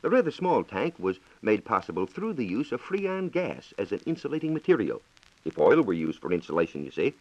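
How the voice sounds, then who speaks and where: An American man delivers a science report in scripted, formal, precise 1940s radio style. His medium-pitched voice has a darkish tone, and the old recording sounds dull and echoey.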